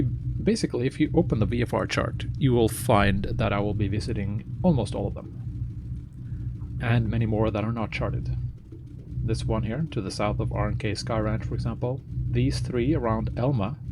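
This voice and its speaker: A man giving casual pilot commentary, halting and thinking aloud as he works through checks. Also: on the low side. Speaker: flight simulator pilot and host. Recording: loud engine-like noise behind voice. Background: loud vehicle ambience.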